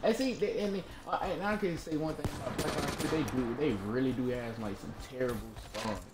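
A young man giving excitable, joking commentary on his own gameplay, yelping and shouting at the screen. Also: on the high side, a little fast, heavy background noise. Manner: excitable, yelps and jokes at the screen. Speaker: gaming video creator. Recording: echoey room with loud gunfire.

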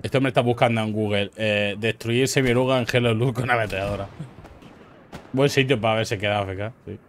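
A young Spanish man with a Murcian accent, giving excited commentary on game clips, shouting reactions and swearing freely. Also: on the low side, a little fast, background noise.

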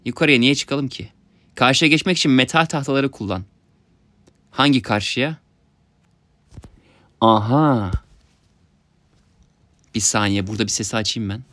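A young man giving excited let's-play commentary, talking to his viewers and yelping at his mishaps. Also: mid-range voice, a little slow, long pauses, dry recording. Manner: excitable, yelps and laughs at mishaps, talks to viewers. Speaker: gaming YouTuber.

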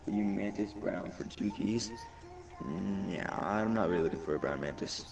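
Young man, low and gravelly, slangy live-stream banter, set back from the mic under loud game music. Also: normal speed, distant mic. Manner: hyped, slangy, reads chat aloud. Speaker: gaming streamer. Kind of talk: casual live-stream chat.

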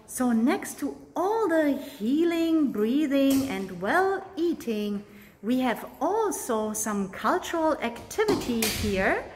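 A woman's voice: high-pitched, sing-song, slow pace, a little mellow, a little hiss or hum. A woman filming a cheerful, chatty travel vlog around a resort, often laughing as she shows things to the camera. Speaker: vlogger. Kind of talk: casual vlog narration. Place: resort room and grounds.

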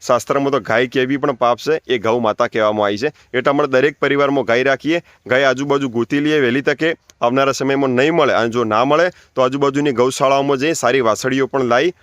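A man's voice: mid-range voice, steady tone, fast talker, few pauses, a bit bright, smooth, no echo. A man giving an earnest, preachy spoken appeal to keep cows, repeating his points and urging listeners. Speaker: natural farming advocate.

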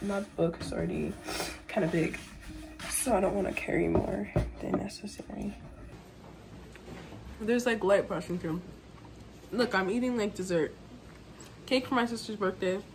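The recording is very noisy as a teenage girl speaks at normal speed in a mid-range voice, leaving long pauses. It's a casual day-in-my-life vlog full of rambling and filler words, shot on a phone camera propped nearby in her small bedroom.

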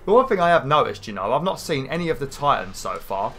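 With a nasal, held-nose quality, a British man hosts a gaming video, giving casual, rambling, sweary commentary on gameplay. His medium-pitched voice is sing-song, fast and a bit bright, over faint background music.

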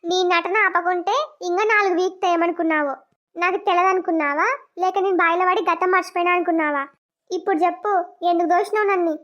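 A blunt, sharp-tongued young wife from a village cartoon, voiced by a woman. She speaks with a very high, piercing voice. The audio is dull and lo-fi. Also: fairly even intonation, fast. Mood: scolding. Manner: scolding, blunt village speech.

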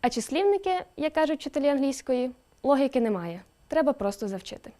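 A woman presenter giving a scripted educational narration, lively and with emphatic rising questions. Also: high voice, fast talker, faint music behind. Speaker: presenter explaining a dialect.

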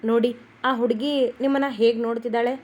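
A woman reading the lines of an eager, possessive young wife who asks quick questions. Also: fairly high pitch, steady tone, lo-fi sound, close to an everyday voice.

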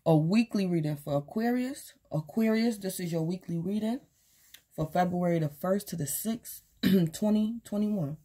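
A tarot reader sits at a home table covered in cards and crystals, speaking in a mellow, lowish voice at a moderate pace. She's tired and her voice is going, so the casual reading wanders, with lots of fillers and repeated words.

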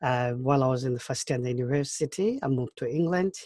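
A man in his fifties from Bangladesh, recalling his life in an interview, talking thoughtfully with halting restarts. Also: mid-range voice, a little mellow, no echo, studio quality. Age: 50s. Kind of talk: oral history interview.

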